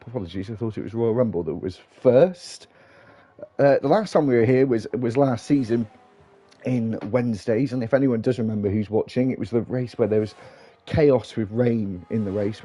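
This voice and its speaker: A man's voice: medium pitch, warm tone. A man hosting and commentating live on an online racing broadcast. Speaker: host and lead commentator.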